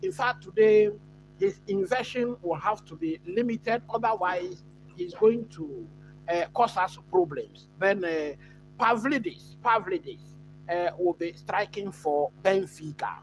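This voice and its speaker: Man from Ghana, high voice, casual live-stream football host, lots of uhs, faint hum behind. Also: expressive, measured pace, poor audio. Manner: chatty, answers live chat, many fillers. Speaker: watch-along host.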